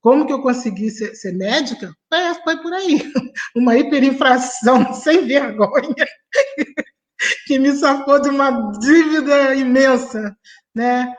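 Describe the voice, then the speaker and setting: A woman's voice: high voice, measured pace, muffled recording. A middle-aged woman from Niterói, telling her life story as a panelist on a video call and laughing between sentences. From Niterói, Brazil. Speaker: panelist, family doctor. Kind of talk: personal storytelling in an online debate.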